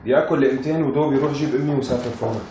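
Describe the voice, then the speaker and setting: A man's voice: mid-range voice, steady tone, rapid-fire, dark tone, slight background noise, natural voice. A man with a Syrian accent acting as an exasperated young husband in a comedy sketch, talking in a grumbling way. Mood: weary. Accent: Syrian Levantine Arabic. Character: grumbling young husband, tired of social outings. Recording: background music under dialogue.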